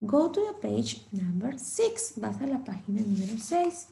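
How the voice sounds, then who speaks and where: A woman teaching English to Spanish speakers, reading a picture book aloud slowly and expressively and translating each line. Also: a little high, gravelly, reverberant, rough recording. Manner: slow, exaggerated, expressive reading with Spanish explanations.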